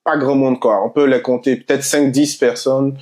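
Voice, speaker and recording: A man's voice: mid-range voice, fairly even intonation, normal speed, darkish tone. A young man from Côte d'Ivoire giving a casual faith testimony, telling his story with frequent laughter and repeated words. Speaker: guest sharing a faith testimony.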